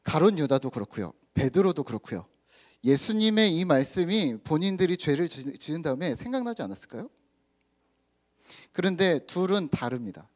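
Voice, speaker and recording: A man's voice: a little high, normal speed. A man, a pastor, delivering a sermon and acting out the quoted lines of scripture. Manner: lively, acts out quoted lines in raised voice. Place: church.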